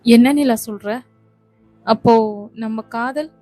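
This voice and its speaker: A woman's voice: a little high, level tone, unhurried, a little mellow, faint music behind, natural voice. A woman voicing a smitten young man who worries about losing his sweetheart, read evenly. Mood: anxious. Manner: anxious, eager. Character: young lover Sakthi, anxious and smitten.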